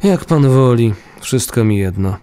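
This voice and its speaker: A man's voice: medium pitch, animated, unhurried, dark tone, smooth, natural voice. A man voicing the ghost of a young nobleman who has lost his body, speaking in humble, formal petitioning language. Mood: polite.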